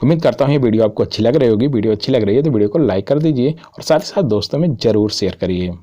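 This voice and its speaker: A mellow-voiced man teaches an exam-prep lesson. He reads out English lines slowly and deliberately, then explains them at a steady pace. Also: mid-range voice, lo-fi sound. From India.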